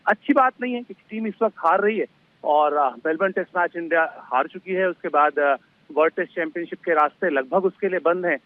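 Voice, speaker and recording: A man speaking as a news correspondent in a live analysis, pausing often with drawn-out fillers. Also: fairly high pitch, no echo, narrow, tinny audio. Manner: hesitant, many drawn-out fillers.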